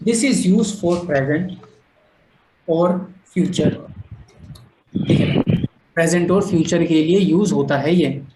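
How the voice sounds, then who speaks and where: A man's voice: fairly high pitch, darkish tone, slight background noise. Male teacher for an online class, patient explainer who keeps checking in, slips in English phrases, roomy echo. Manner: mixes English phrases into talk. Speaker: language teacher.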